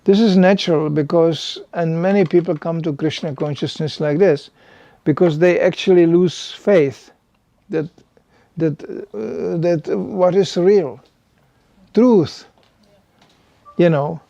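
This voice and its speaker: An older man, by birth, preaches in English to a small group in a loose, chatty way, leaning on "you know" as he goes. His voice sits a little high but sounds mellow and dark, and the recording is dry and close. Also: takes it slowly, vocal fry, long pauses, no echo, highs cut off. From Czechoslovakia. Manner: conversational, animated, frequent "you know". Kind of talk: sermon to a small gathering.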